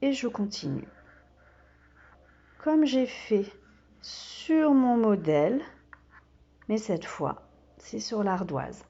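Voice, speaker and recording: A woman who teaches kindergarten, giving a slow and patient step-by-step demonstration full of small fillers. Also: mid-range voice, expressive, gravelly, dark tone, slightly rough, dull audio.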